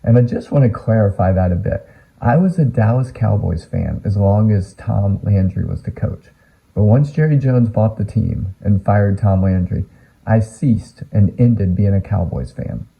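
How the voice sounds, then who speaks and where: A hoarse man with a raspy, tired voice talks casually to camera, rambling earnestly and pausing on plenty of ums. His voice sits fairly low. The sound is narrow and tinny, as if over a phone line. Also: animated. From Atlanta, United States. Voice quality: raspy, worn-out voice. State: hoarse from teaching. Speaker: sports card collecting YouTuber.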